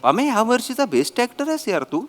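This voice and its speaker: A man's voice: very high voice, sing-song, fast, soft background music. A man acting as an exasperated director in a comedy skit, alternately scolding and coaxing. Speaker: comedy sketch actor playing a director.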